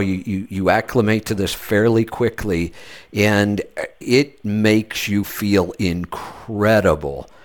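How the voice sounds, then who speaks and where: Low-voiced man telling stories casually. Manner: laid-back storytelling with frequent restarts. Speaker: host. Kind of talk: casual podcast chat.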